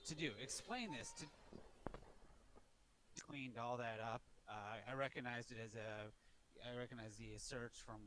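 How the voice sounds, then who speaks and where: A man giving a casual status update in an online meeting, halting and full of fillers, his call audio glitching and cutting in and out. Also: on the low side, a bit bright, slight background noise, low-quality recording. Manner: halting, with many fillers and restarts. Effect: glitching audio that cuts in and out. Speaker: software project contributor. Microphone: video call.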